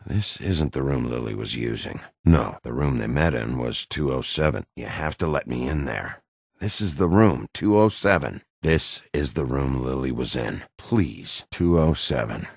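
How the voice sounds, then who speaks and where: Bigby, a gravelly, very deep wolf detective. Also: male voice, animated, a little slow, no echo, exaggerated voice. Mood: guarded, dry, then insistent, firm. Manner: terse, low-key, dry. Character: gruff, brooding big bad wolf detective, adult man, dogged. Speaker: voice actor playing a video game detective. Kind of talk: video game dialogue acting.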